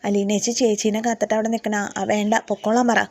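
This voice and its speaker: A woman's voice: medium pitch, little pitch movement, fast talker, natural voice. A woman voicing a grieving older sister who snaps curtly and bitterly in a retold serial story. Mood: bitter, snapping. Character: grief-stricken older sister, snapping angrily.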